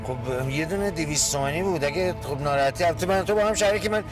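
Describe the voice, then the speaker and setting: A man's voice: fairly high pitch, over music, close to an everyday voice. An actor as a flustered bumbling young man. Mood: grumbling. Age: young adult. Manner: flustered, quick to apologize or complain. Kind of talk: film dialogue.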